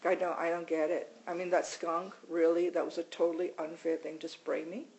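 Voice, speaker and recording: A woman voicing a self-pitying male pet dog who complains in a rapid, whiny inner monologue. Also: lowish voice, little pitch movement, gravelly, a little mellow, low-quality recording.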